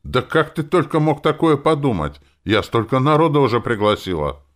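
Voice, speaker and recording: Fiery young elf woman, indignant, high and lively for a male narrator. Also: brisk.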